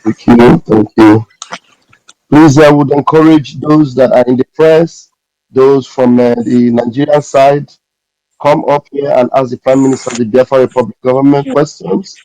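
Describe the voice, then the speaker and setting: A man's voice: medium pitch, fairly even intonation, moderate pace, dark tone, no room sound, poor audio. A man hosting an online audio room, patiently calling on speakers and asking them to unmute. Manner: patient, directive. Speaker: host.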